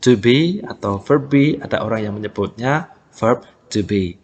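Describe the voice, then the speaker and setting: A man with an Indonesian accent teaching an online English lesson, slowly drawing out example sentences for learners to repeat, then explaining briskly. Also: medium pitch, animated, darkish tone, dull audio, slight background noise. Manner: slow, drawn-out model sentences, brisk explanations.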